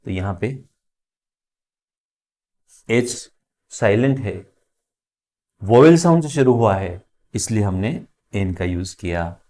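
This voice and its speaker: A man teaching an English grammar lesson, slowly drawing out each example word as he explains it. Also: fairly low pitch, dark tone. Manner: slow, drawn-out spelling of example words.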